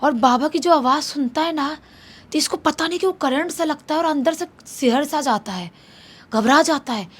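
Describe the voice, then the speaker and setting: A woman casually narrating a spooky story, acting out the characters' lines with a raised, louder voice. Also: moderate pace. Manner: acts out quoted characters with raised pitch and loudness. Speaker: horror storyteller. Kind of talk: casual spoken horror narration.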